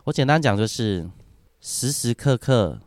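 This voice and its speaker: A man's voice: medium pitch, animated, a little slow, darkish tone, no room sound. A man, a podcast guest chatting casually and laughing often as he tells stories. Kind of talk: casual chat.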